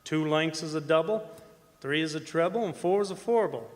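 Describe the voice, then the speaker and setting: In a radio horror drama, an actor with a slightly high, natural voice narrates in the first person as a folksy oil-field roughneck. His speech is colloquial and halting, full of hesitant repeats, with a folksy, explanatory mood. It was recorded on a performing arts center stage, with an echoey hall sound and music.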